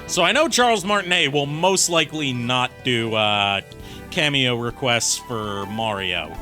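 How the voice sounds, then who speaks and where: Man, game streamer, forceful bright tone, casual crude commentary, rambling, faint music behind. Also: medium pitch, lively intonation, measured pace.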